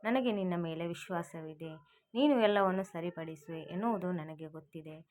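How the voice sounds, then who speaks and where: A woman's voice: fairly low pitch, moderate pace, a little mellow, natural voice. A woman voicing an elderly mother who scolds her grown daughter firmly. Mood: calm. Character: elderly mother, stern and proud.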